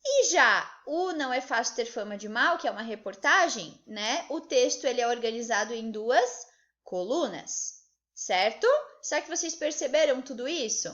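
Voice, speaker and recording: Woman teacher, Brazilian accent, high lively voice, slightly dull recording. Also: moderate pace. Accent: Brazilian Portuguese. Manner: patient, encouraging, checks in with "né?" and "tá?". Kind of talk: online class lesson for children.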